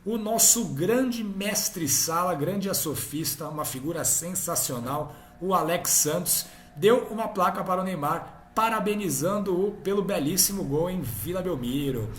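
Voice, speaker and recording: A man's voice: high voice, expressive, measured pace, few pauses, roomy sound, slight background noise. A man hosting a casual football history talk, chatty and often ending his points with tag questions. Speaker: host.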